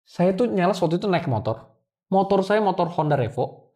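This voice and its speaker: A man's voice: sits high, lively intonation, normal speed, dark tone. A young man telling a painful personal story to an interviewer, often addressing him respectfully as sir. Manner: emotional storytelling, addresses host as Pak often. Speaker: guest.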